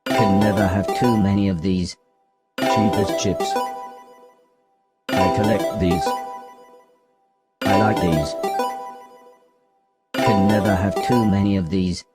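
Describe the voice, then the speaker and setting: Video game role: greedy old lecher of a dealer, low slow muttering, gloating, music behind. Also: male voice, steady tone. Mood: gloating, appreciative. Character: shady, greedy old male junk dealer, leering over loot. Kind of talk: video game character barks.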